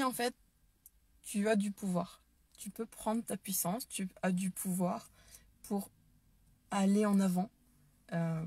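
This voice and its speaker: Her medium-pitched, warm voice comes through with no echo as she hosts a relaxed Facebook live session. A French speaker who teaches dance and neurotraining, she's keen but hesitant, with plenty of fillers and false starts.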